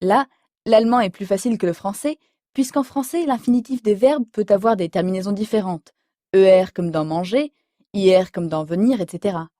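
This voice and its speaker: A woman teaching an audio language lesson, explaining slowly and clearly and spelling words out letter by letter. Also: mid-range voice, dark tone, no room sound, studio quality.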